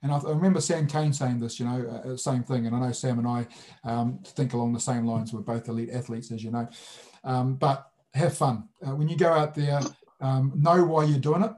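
A man's voice: medium pitch, fairly even intonation, normal speed, a little mellow. Blunt, jokey man, broad Kiwi accent. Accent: broad New Zealand. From New Zealand. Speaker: sports referee, interview guest. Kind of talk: casual interview chat.

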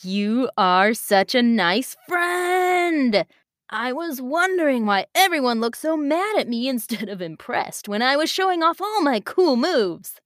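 Woman doing eager young male lion, storybook, bubbly, high, swooping. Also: a little slow, no room sound, clean studio sound, heavily acted. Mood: excited grateful. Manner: bubbly, excited, grateful.

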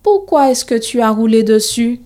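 A woman voicing a stubborn little boy who loves his toy cars, speaking in a high, childish, whining tone. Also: animated, moderate pace, mellow, close to an everyday voice. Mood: distressed.

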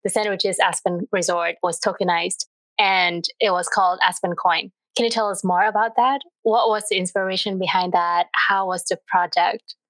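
A woman's voice: medium pitch, steady tone, normal speed, fairly bright tone, no room sound. A woman co-hosting an interview podcast, friendly, reading introductions and asking questions. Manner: friendly, laughs often, asks questions. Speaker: podcast co-host.

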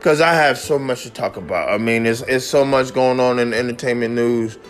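A man hosting a mock talk-radio show, ranting excitably and repeating himself with lots of "like.". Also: mid-range voice, normal speed, soft background music. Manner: excitable, repetitive, peppered with "like". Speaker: host of a homemade radio-style show.

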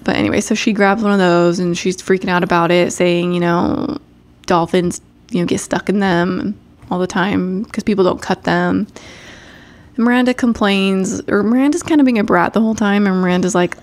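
A woman's voice: on the low side, fairly even intonation, normal speed. A woman recapping a show in casual chat, rambling with lots of fillers and frequent laughs.

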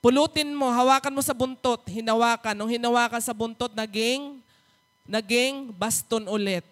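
A woman preacher giving a sermon in a church, animated and calling on the congregation to respond. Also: fairly high pitch, moderate pace. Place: church hall. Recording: echoey hall reverb.

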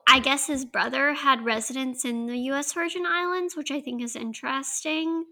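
High-pitched Southern woman in her twenties. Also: moderate pace, pushed and bright, poor audio. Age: 20s. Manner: chatty, laughs often, draws out words. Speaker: podcast co-host. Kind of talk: casual chat.

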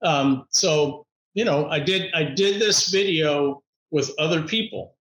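A man with a fairly high voice tells his story in an upbeat, animated way and laughs often. He speaks as a guest in conversation. The room sounds echoey. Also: measured pace. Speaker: podcast guest, motivational speaker.

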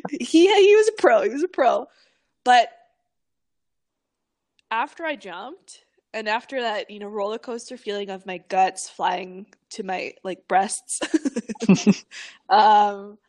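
A young woman co-hosting a podcast, telling stories in a lively, animated way, laughing often and swearing freely. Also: mid-range voice, slow, long pauses. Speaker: podcast co-host. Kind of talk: casual podcast chat.

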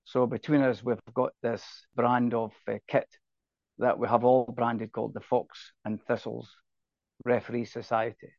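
A man's voice: medium pitch, a little mellow, dry recording. An older man with a Scottish accent, chatting casually and anecdotally as a guest in an interview. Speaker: podcast guest, rugby referee. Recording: dull, lo-fi, dry sound.

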